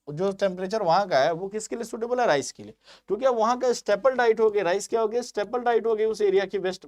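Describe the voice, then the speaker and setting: A young man giving an exam-prep lecture, chatty, putting questions to his students and answering them himself. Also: high-pitched. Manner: conversational, asks and answers his own questions, says "bhai" often. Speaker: teacher.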